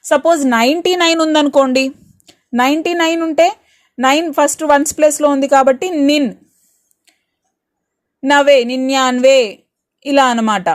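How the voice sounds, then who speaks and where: Woman teacher, bright higher register, reassuring exam-prep explainer. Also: brisk. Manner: reassuring, explains step by step with rhetorical questions; mixes Telugu with English words. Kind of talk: exam-prep grammar lesson.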